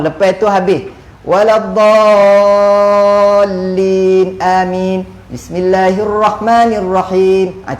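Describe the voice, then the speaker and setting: Preacher, man, high voice, jokes and chanted prayer calls, mosque hall echo. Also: darkish tone. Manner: joking, storytelling, chanting the call to prayer. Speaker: religious teacher. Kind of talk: evening mosque lecture.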